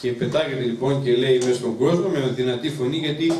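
A man, a priest teaching a Bible class in an emphatic, lively way and often asking his listeners questions. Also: medium pitch, slight background noise. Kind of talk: sermon. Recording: roomy, distant mic with faint ambience.

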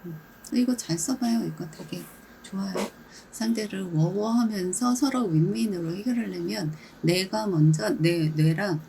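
A woman coaching everyday calming habits in a casual, chatty way, acting out little scenes and laughing often. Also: mid-range voice, creaky, slight background noise, low-quality recording. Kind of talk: casual instructional talk.

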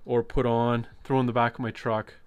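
A man giving a relaxed walkthrough of his trailer build, explaining as he goes with some fillers. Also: mid-range voice, moderate pace, clean tone, dry recording, lo-fi sound. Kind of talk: casual walkthrough tour. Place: inside a converted cargo trailer.

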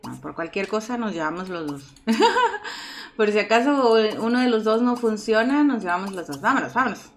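A woman's voice: on the high side, big pitch swings, moderate pace, a little hiss or hum. A woman chatting through her video game as host, talking to her characters and exclaiming often. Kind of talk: casual let's-play commentary. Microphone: microphone set too far off at times.

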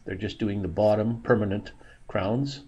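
A man's voice: fairly low pitch, fairly even intonation, normal speed, dark tone, slightly rough, lo-fi sound. A man in his sixties narrating a casual vlog in a dental clinic, chatty and plain-spoken, laughing at himself. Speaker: vlogger.

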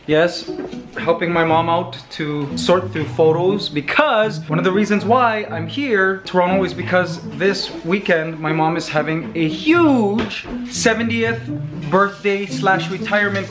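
A man in his thirties hosting a casual family vlog, excitable and playful, filming himself at arm's length at home and in a restaurant. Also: high-pitched, over music. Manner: excitable, playful, quick asides. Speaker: vlogger host. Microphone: handheld camera at arm's length.

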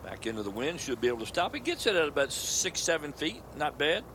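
A man's voice: fairly high pitch, big pitch swings, quick pace. A man giving casual, analytical live commentary as a golf commentator. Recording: clearly noisy outdoor broadcast.

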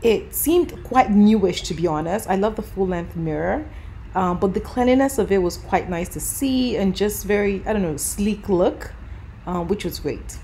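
A woman in her thirties records a travel vlog indoors at an airport lounge, camera held close at arm's length, giving casual chat and a voice-over review. She sounds warm and upbeat in a mid-range voice at normal speed, chatty with fillers like "you know," while a little hiss or hum runs underneath.

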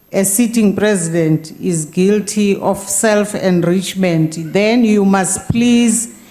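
A woman's voice: mid-range voice, a little mellow. A middle-aged woman with a South African accent chairing a parliament session in a formal, firm manner, at times raising her voice to keep order. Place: large parliamentary chamber. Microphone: desk microphone.

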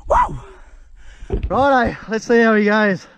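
A man's voice: sits high, animated, normal speed, a little mellow, a little hiss or hum. An Australian man chatting casually outdoors while fishing, in a laconic, blokey outback drawl full of slang. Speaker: host of a fishing vlog. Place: outdoors on a river bank.

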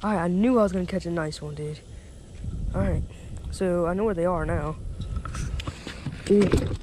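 A young fishing vlogger narrates casually beside a small pond, chatty and laid-back, tossing around "dude" and "bro." His voice is high and his pace normal. A head-mounted action camera records him outdoors, picking up wind and ambient noise.

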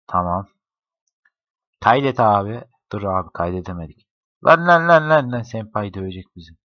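A man's voice: fairly low pitch, animated, moderate pace, no echo. A young man giving casual, joking gameplay commentary, talking to the characters and laughing often. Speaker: gaming YouTuber. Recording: dry, dull lo-fi home mic.

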